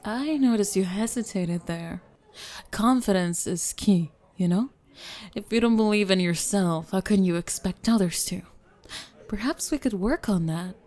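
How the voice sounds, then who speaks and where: A woman playing a brisk, driven CEO on a speed date in a scripted ASMR role-play, formal and businesslike, with pointed questions. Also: mid-range voice, darkish tone, lightly acted. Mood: probing, assured.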